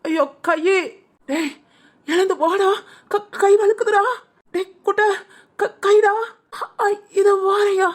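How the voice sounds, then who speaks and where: A strained, very high voice of a panicky young man, as a woman puts him on. He shrieks frantically for help. This is cartoon voice acting. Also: steady tone, takes it slowly. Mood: panicked.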